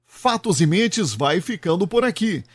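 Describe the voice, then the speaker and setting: A man reads a scripted lesson in a high, clear register. He speaks in a measured, instructive way. The recording is dry, with no room sound. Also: sing-song, no echo. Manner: measured, instructive delivery of tips. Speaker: channel narrator. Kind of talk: scripted narration.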